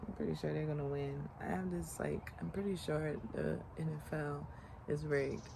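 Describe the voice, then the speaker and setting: A deep-voiced woman in her late twenties vlogs outside in the country on a sunny morning, talking at a moderate pace. She rambles in a relaxed, reflective way with many "like" fillers, and background noise and clear outdoor ambience come through.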